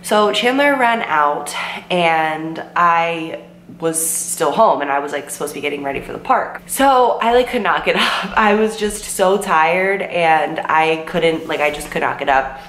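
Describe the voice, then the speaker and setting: A sick vlogger in her twenties speaks in a deep, expressive voice with a fairly bright tone and a measured pace, though it sounds worn and her throat is sore. She rambles through a casual storytime to a camera at her desk, full of "like" and "um" and quoting herself. The bedroom with bookshelves gives a roomy sound with a faint hum.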